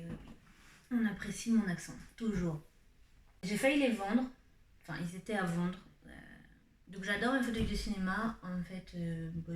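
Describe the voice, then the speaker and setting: Chatty young woman vlogging at home. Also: on the low side. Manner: chatty and rambling, self-mocking asides. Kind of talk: casual face-to-camera chat. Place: dim room at home with ceiling light. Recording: roomy home room sound.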